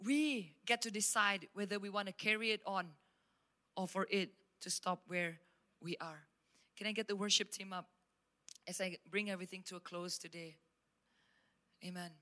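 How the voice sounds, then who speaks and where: A woman's voice: mid-range voice, normal speed, long pauses. Emphatic Malaysian woman pastor preaching. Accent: Malaysian English. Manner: emphatic, animated storytelling. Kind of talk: sermon storytelling. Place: church service. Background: faint instrumental worship music.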